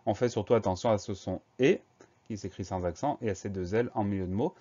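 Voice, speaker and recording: A man's voice: fairly low pitch, a little fast, warm tone. A man teaching a spelling lesson, patiently spelling out words letter by letter before giving a dictation. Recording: dull lo-fi recording.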